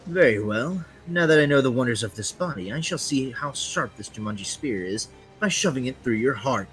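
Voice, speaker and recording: A man voicing an arrogant male spear-wielding villain who cannot die, in a put-on gravelly voice, for a fan reading of a game story. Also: mid-range voice, lively intonation, fairly quick, a bit bright, faint music behind, lightly acted, poor audio. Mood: menacing.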